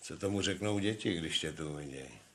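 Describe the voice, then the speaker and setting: An actor playing a contemptuous, bullying husband who sneers at the people around him. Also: male voice, sits low, fairly bright tone, roomy sound, slight background noise. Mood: menacing. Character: bullying middle-aged husband, contemptuous and menacing.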